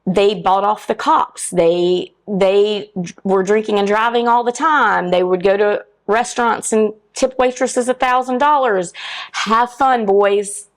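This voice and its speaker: A woman's voice: mid-range voice, steady tone, unhurried, poor audio. A middle-aged woman, a podcast guest telling a personal story in a candid, frank way and acting out the lines of people in it. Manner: candid and frank, acts out quoted dialogue.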